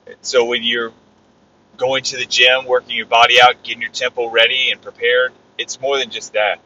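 Bright-voiced male podcast preacher. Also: medium pitch, little pitch movement, normal speed, highs cut off, a little hiss or hum. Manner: preachy, repetitive, builds to loud exclamations. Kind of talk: informal sermon.

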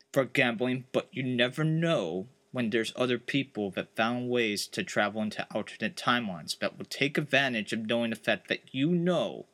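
A man voicing an eccentric male time-travel scientist who patiently lays out rules in a calm, explaining manner. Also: medium pitch, voice pushed down. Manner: calm, explanatory, earnest rule-giving.

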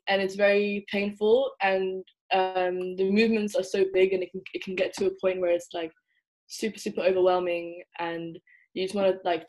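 A woman's voice: mid-range voice, darkish tone, low-quality recording. A young woman who grew up in England, a student guest speaking thoughtfully with many fillers and restarts over a remote call. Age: young adult. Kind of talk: casual conversation.

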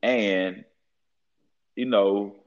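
A man's voice: fairly low pitch, extremely slow. A young man, a head football coach, talking casually in an interview, leaning on fillers and repeated phrases. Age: young adult. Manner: relaxed, repeats fillers like "at the end of the day". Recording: dull lo-fi sound.

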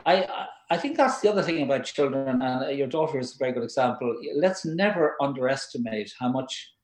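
An older man with an Irish accent giving advice in a thoughtful, halting, conversational way. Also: mid-range voice, expressive. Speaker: child psychology expert giving advice. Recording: roomy, echoing sound.

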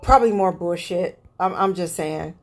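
Over heavy background noise, a woman with a lowish voice talks at a normal pace on her own political rant podcast. The Cleveland-area host is blunt and exasperated and curses freely.

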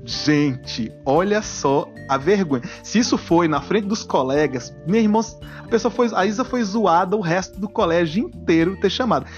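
A man's voice: high-pitched, moderate pace, muffled recording, soft background music. A man in his forties hosting a casual comedic podcast, reacting to guests' stories and joking a lot. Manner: jokey, animated, acts out silly voices. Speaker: podcast host.

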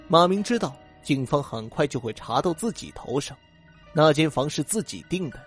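A man narrating a ghost story audiobook in an animated storytelling manner. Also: on the high side. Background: faint background music.

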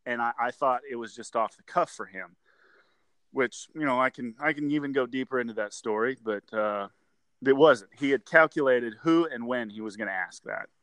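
A man's voice: medium pitch, normal speed, a bit bright, no room sound. A man in his forties, a guest on a casual interview, rambling and repeating words, with frequent laughs. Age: 40s.

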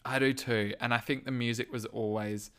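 A man with a gravelly, creaky edge to his voice talks in a casual podcast chat. He sounds relaxed and wry, often pausing on an um before going on. His pitch sits at an ordinary middle level. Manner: relaxed, wry, hesitant with frequent ums. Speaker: podcast co-host.

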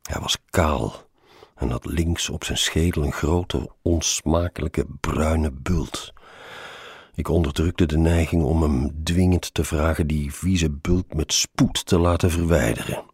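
A man reads a first-person story aloud, wry and sardonic. His voice is extremely low and gravelly, with a strongly husky, breathy grain. The sound is dry and close. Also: slow pace, darkish tone, no echo.

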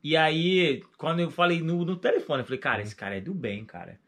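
A man hosting a podcast, chatting casually, giving short agreeing replies and recalling events in a relaxed way. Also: on the high side, brisk. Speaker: podcast host. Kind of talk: casual chat.

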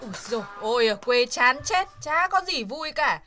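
A woman's voice: high voice, animated, normal speed, slight background noise. An actress playing a brash young city woman in a TV skit, slangy and dismissive. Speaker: actor in a TV skit. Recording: loud music bed under the skit.

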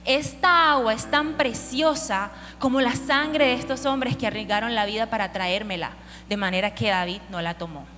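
A woman preaching a sermon, telling a story with lively asides and questions to the audience. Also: a little high, moderate pace. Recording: hall reverb with faint music.

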